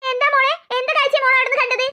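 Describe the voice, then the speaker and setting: A woman's voice: extremely high pitch, monotone, racing, sharp tone. A woman voicing a greedy, spiteful old grandmother in a cartoon, gossiping and scheming over family money. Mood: fussing.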